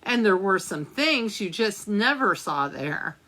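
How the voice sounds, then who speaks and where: Her medium-pitched voice pushed and bright, a librarian takes her time reading a picture book at children's storytime and sounds very animated. She talks directly to the kids, asking questions and adding asides along the way.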